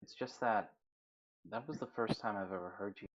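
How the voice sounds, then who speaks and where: A man with a deep, low voice talks in a measured, formal way during an online tabletop game. His mic crackles and keeps cutting out, and the sound comes through dull and lo-fi. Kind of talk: casual online game chat. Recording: dull lo-fi voice-call mic with dropouts.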